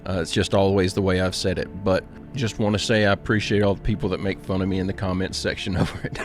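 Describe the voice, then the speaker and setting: Low voiced guy w/ appalachian hillbilly accent, folksy casual commentary, bit of music behind. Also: level tone, fast talker.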